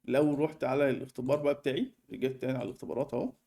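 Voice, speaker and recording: A young man with an Egyptian Arabic accent walking through a screen-recorded software tutorial in a fast, chatty way, with many fillers. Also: mid-range voice, fairly even intonation, creaky. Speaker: online course tutor.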